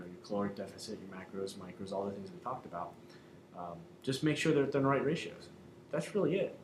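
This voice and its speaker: Male fitness coach, lower-pitched, informal and halting explainer, roomy echo on the recording. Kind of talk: informal instructional talk. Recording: roomy echo, faint background noise.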